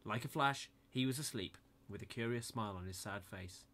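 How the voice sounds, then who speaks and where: A man's voice: on the low side, normal speed, fairly bright tone. A man narrating a comic bedtime-style story in a playful, mock-innocent storybook manner.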